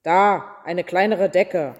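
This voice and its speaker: A woman voicing a grumpy male innkeeper who shouts gruffly at his late-night visitors. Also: fairly low pitch, slow, long reverb tail. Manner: gruff, bellowing.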